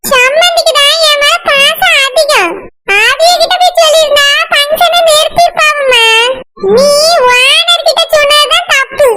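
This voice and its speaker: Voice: extremely high pitch, moderate pace, very noisy. A performer voicing a sly old mother-in-law in a cartoon who fakes illness and talks in a weary, pleading way. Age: older.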